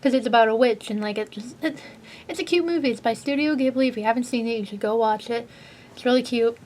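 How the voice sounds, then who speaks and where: A woman's voice: on the high side, quick pace, a little mellow, slight background noise. A young woman vlogging a convention haul in a bubbly, giggly, gushing way, full of "like". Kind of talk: casual convention haul vlog.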